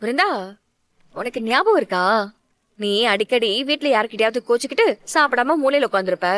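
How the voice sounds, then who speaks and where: Elder sister role: high, scolding but affectionate, dry close sound, played by a woman in a serial dub. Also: lively intonation, fairly quick, a bit bright, no room sound. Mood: insistent. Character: bossy caring elder sister. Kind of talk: dubbed serial dialogue.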